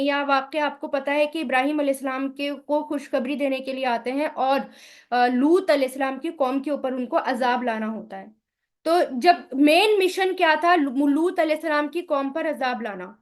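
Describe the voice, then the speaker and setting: A woman teaching Arabic grammar from the Quran. She asks questions and answers them herself, and sounds out Arabic vowel sounds slowly. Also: sits high. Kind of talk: explaining Arabic grammar in a recorded lesson.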